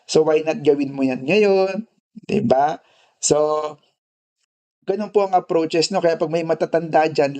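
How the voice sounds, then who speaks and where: Filipino-accented male nursing lecturer, higher pitch, chatty, keeps checking in with his students. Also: darkish tone. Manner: tags nearly every phrase with "di ba" and "no"; switches constantly between Filipino and English. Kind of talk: casual classroom lecture.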